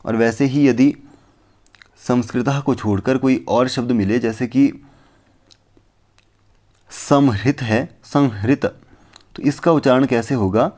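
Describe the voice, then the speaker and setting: A male teacher gives a patient, step-by-step lecture. He poses questions to himself and answers them, repeating key terms. When he quotes verses, he slows down and recites them carefully. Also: mid-range voice, darkish tone. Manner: recites Sanskrit verses slowly. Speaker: Sanskrit teacher. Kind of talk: explanatory lecture on phonetics.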